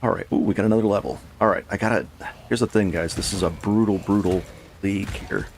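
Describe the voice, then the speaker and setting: This streamer talks fast in a lowish, darkish voice, with a little hiss or hum on the audio. He offers casual live gameplay commentary to viewers, rambling and fixing his own words as he goes.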